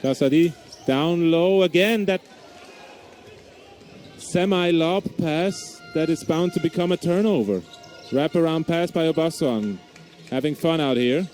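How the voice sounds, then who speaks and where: A non-native English speaker with a Swiss German accent calls live basketball play-by-play, often hesitating and restarting. His voice is fairly high, unhurried and a little mellow, with soft music in the background.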